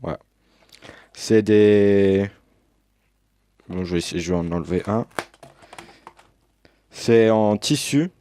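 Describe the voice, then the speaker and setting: Slow, dark-voiced young man unboxing. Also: fairly low pitch, a little hiss or hum. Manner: hesitant, many fillers and restarts. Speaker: unboxing youtuber. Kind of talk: casual unboxing commentary. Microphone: headset.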